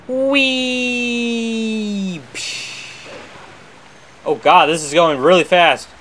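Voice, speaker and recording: A man's voice: mid-range voice, fairly bright tone, slight background noise. Laid-back man grumbling through a game. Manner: chatty, jokey, grumbling, hums along. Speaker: gameplay commentator. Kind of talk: casual let's-play commentary.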